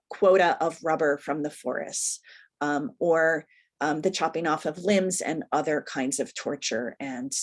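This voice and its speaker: A woman professor giving a measured, careful academic presentation over a video call. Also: deep voice.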